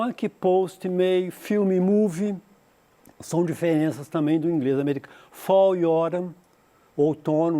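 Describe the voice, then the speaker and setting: A middle-aged man with a Brazilian Portuguese accent, teaching an English lesson. He explains points and repeats words slowly to model how they sound. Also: on the high side, warm tone. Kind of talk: recorded classroom lesson.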